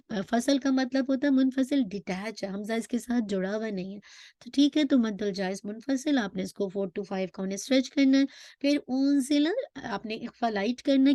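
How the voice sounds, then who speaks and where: A woman teaching Quran recitation. She explains patiently, mixes in English terms, and says the sounds slowly and drawn out to model them. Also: mid-range voice, mellow, no room sound, clean studio sound. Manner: mixes English words into her explanations, checks in with "okay?". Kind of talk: tajweed lesson.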